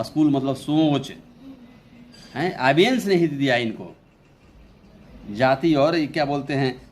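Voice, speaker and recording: A young man teaching an English poem in Hindi as an Indian English speaker, talking slowly, repeating his phrases and reading the English lines very slowly. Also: on the high side, a little mellow, slight background noise. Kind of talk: Hindi poetry lesson explaining a poem.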